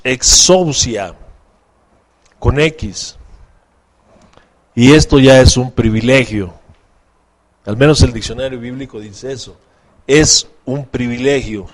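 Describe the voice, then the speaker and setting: A man's voice: medium pitch, slow pace, long pauses. A man preaching a sermon as pastor, asking the congregation questions and acting out quoted voices.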